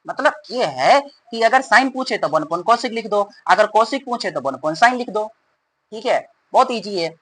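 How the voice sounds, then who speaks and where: Fast-talking male math teacher. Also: high voice, expressive, a bit bright, a little hiss or hum, poor audio. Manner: rapid, repetitive, addresses students as beta. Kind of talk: fast classroom explanation.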